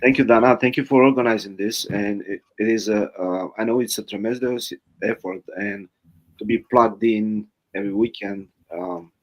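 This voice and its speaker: A man's voice: fairly low pitch, moderate pace. A man with a Romanian accent, a guest on a live online interview, speaking earnestly with many hesitations.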